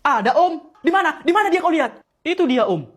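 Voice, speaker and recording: High-voiced man acting out comic squabbles. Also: sing-song, a little fast. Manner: loud, bickering, exaggerated comic delivery. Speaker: comedy sketch creator. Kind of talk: comic sketch acting, many roles.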